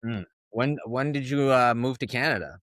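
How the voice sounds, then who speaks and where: A man's voice: mid-range voice, moderate pace, a bit bright, dry recording, clean studio sound. A man from Ontario co-hosting a podcast interview, asking questions in a hyped, casual way. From Hamilton, Ontario. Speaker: podcast co-host.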